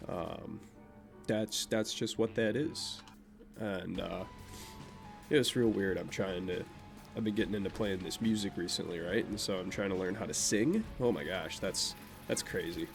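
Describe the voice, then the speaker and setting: In a deep, creaky, naturally nasal voice at normal speed, a young Vermont man rambles through casual gameplay commentary. He talks about his life in an offhand, self-deprecating way, with game music in the background.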